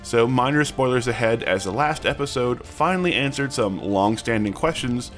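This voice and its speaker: A man's voice: medium pitch, lively intonation, moderate pace, fairly bright tone. A man hosting and reading scripted news narration. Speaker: news host. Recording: music bed under the voice. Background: background music.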